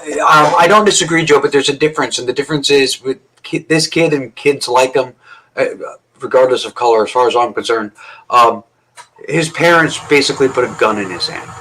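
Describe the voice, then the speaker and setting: A man on a podcast panel making a measured point in casual chat, with many pauses and fillers. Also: mid-range voice, noisy background.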